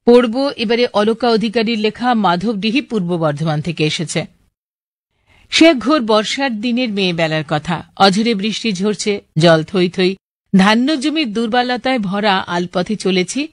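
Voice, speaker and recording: A woman radio presenter, reading listeners' letters aloud in a steady, clear voice. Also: mid-range voice, measured pace, no echo.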